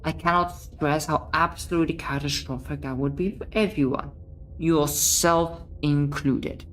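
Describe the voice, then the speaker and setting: A woman's voice: sits low, steady tone, a little slow, a little hiss or hum, low-quality recording. A woman playing a stern, solemn narrator in a story game, with emphatic delivery and a British accent. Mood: stern warning. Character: stern, grave storybook narrator warning the hero.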